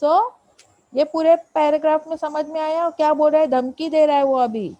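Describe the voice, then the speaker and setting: A woman teaching an online English class, reading each line of a poem slowly and then explaining it in Hindi. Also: high voice, fairly even intonation, warm tone, dry recording, dull audio.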